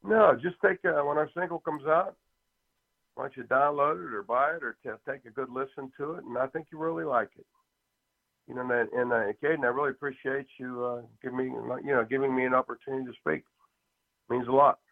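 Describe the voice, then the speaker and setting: Gravelly man on a phone line. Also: medium pitch, a little fast. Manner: rambling, many fillers, folksy. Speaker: band musician guest. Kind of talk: casual interview chat.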